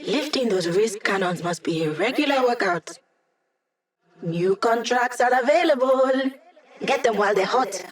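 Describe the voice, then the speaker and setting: A woman's voice: a little high, expressive, unhurried. A woman playing an upbeat, wry young female hacker living as data, giving casual, teasing mission support in a video game. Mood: wry, playful. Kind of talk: video game voice lines over comms.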